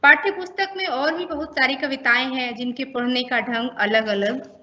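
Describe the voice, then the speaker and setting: A woman's voice: high-pitched, moderate pace, bright, forceful tone, dull audio. A woman training teachers, patiently explaining pronunciation and repeating sounds for practice. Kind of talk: instructional talk to teachers.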